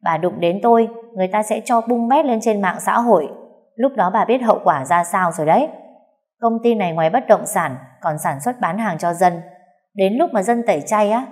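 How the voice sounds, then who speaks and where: A woman voicing a brazen young housemaid who answers back in a cocky, quick, raised voice. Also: mid-range voice, a little mellow, close to an everyday voice. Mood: defiant. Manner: cocky, sassy, quick retorts.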